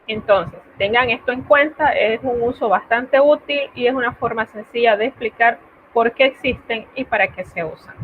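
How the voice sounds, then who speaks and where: A woman's voice: on the high side, moderate pace. A woman teaching French to her students in an online class, explaining patiently in Spanish and checking in with her students. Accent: Latin American Spanish. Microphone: video call. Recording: tinny phone-like line, faint noise.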